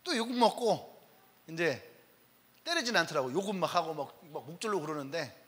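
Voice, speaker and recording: A man's voice: on the high side, moderate pace, long reverb tail. A male pastor preaching a Wednesday sermon, telling army stories and acting out the voices in them. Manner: animated storytelling, acts out quoted voices, laughs often. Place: church sanctuary.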